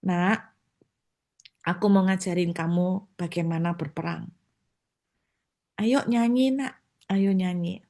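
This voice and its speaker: A woman's voice: lowish voice, takes it slowly, pauses often, darkish tone. A woman voicing God as a tender, coaxing father speaking to his child.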